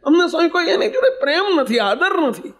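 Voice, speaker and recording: A man's voice: very high-pitched, fairly quick. A man voicing a heartbroken elderly father in his sixties who pleads through tears in a sermon story. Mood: tearful pleading. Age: 60s. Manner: pleading, sobbing complaint.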